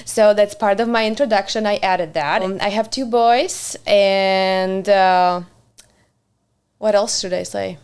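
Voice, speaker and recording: A woman, a podcast guest who chats in a friendly way, laughs easily and often pauses on "uh". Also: mid-range voice, steady tone, darkish tone, clear, resonant tone. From Slovakia. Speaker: podcast guest, community center director. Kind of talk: casual interview chat.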